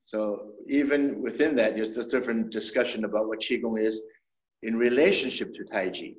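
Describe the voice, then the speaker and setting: A man in his seventies, a traditional medicine doctor, explaining things in a measured way as an interview guest, often restarting his sentences. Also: lowish voice. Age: 70s. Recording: roomy echo.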